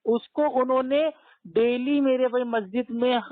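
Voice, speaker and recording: A man's voice: extremely high pitch, fairly even intonation, a little slow, no room sound. A man talks steadily through a tinny, phone-like line, his voice dry and close with no room around it. He argues his case patiently, stacking up simple everyday examples to make his point. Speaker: debater questioning the other caller. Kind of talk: religious debate over a phone call.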